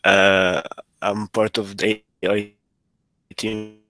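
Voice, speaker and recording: A man's voice: fairly low pitch, level tone, takes it slowly, sharp tone, dry recording, poor audio. A man from Egypt giving a short, informal introduction on a work video call. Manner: brief, informal.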